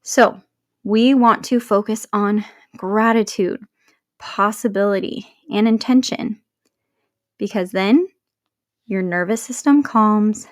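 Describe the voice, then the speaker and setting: A woman speaking as a self-help podcast host, explaining in a chatty, encouraging influencer manner with deliberate phrasing and emphatic pauses. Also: mid-range voice, no room sound, clean studio sound. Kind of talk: motivational explainer monologue to listeners.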